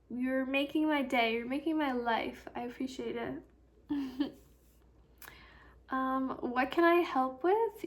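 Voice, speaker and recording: A sleepy woman hosts her own casual podcast, yawning through a rambling, filler-heavy chat. Her voice sits high and she talks slowly, drifting from thought to thought. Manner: chatty, rambling, self-talk with fillers. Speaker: podcast host.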